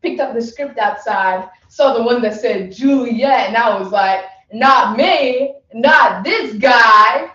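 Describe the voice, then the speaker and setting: Brief: hotheaded young man, played by a woman, shouty and brash, dull roomy sound. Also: fairly high pitch, normal speed, hardly any pauses, close to an everyday voice. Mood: brash loud. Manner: brash, shouty tough-guy talk. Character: loud hotheaded young male actor. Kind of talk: competitive humorous interpretation. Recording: echoey room, distant mic, dull sound.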